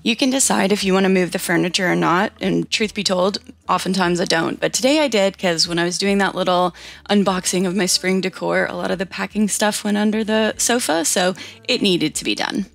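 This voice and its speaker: A woman in her thirties giving casual, practical cleaning tips in a relaxed, chatty voice-over. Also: mid-range voice, brisk, creaky, no room sound. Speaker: home cleaning vlogger. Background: faint background music.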